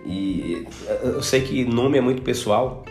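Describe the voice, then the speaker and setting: A Brazilian man with a Brazilian Portuguese accent hosting a casual podcast, chatty and animated when telling anecdotes. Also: mid-range voice, measured pace. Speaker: podcast host. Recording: roomy echo with faint guitar music.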